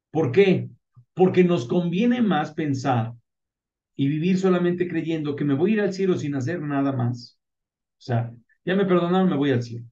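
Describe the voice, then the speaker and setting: A man's voice: fairly high pitch, mellow. A man preaching a sermon as pastor. He poses rhetorical questions and answers them, and repeats words for emphasis. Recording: distant mic, dull lo-fi sound.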